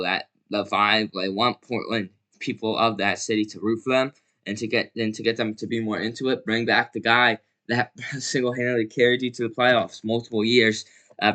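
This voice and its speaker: A man's voice: lowish voice, sharp tone. A young man casually giving his opinions on basketball, rambling and correcting himself with lots of fillers. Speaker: basketball commentator. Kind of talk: casual solo sports commentary.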